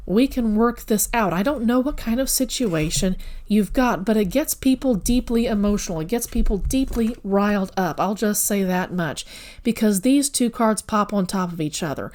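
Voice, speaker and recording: A woman's voice: medium pitch, expressive, moderate pace, a little mellow. A woman giving a casual spoken tarot reading, talking straight to the viewer in an earnest, rambling way with self-corrections. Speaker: tarot reader.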